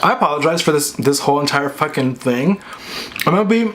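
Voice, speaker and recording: A man hosting a mukbang eating video chats casually and candidly, chewing and talking with his mouth full while peppering his sentences with "like." His voice is fairly high, animated, and brisk. Background noise is clearly audible, along with dish clinks and clicks.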